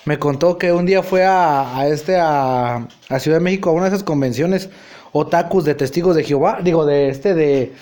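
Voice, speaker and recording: A man's voice: a little high, moderate pace, darkish tone. A man, hosting a podcast and telling rambling stories full of crude slang. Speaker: podcast host. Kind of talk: casual storytelling monologue.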